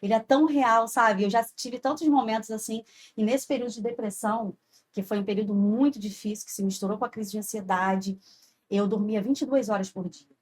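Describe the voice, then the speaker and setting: A woman's voice: mid-range voice, a little fast. A woman, a podcast guest telling an earnest personal faith story and often checking in with "sabe?". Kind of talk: heartfelt personal testimony.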